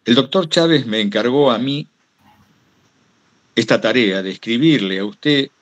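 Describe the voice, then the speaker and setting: A radio host with an Argentine accent appears as a guest speaker at a workshop, talking informally and sharing anecdotes. He sounds hesitant and self-deprecating, with a medium-pitched voice and no echo.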